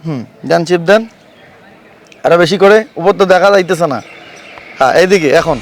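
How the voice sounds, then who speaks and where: A man's voice: high-pitched, a little fast. A man with a Bangladeshi accent hosts a street challenge, instructing contestants and repeating himself as he talks to camera. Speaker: challenge host. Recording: faint background noise, ambient sound.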